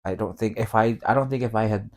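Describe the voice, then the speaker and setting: Relaxed middle-aged man telling a story. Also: lowish voice, quick pace. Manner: relaxed, rambling with many fillers. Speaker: guest. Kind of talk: casual storytelling.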